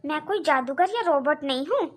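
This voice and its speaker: A woman's voice: high voice, expressive, a little fast. A woman voicing a quarrelsome young wife in a cartoon, complaining and arguing. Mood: angry. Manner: complaining, argumentative. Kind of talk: cartoon voice acting.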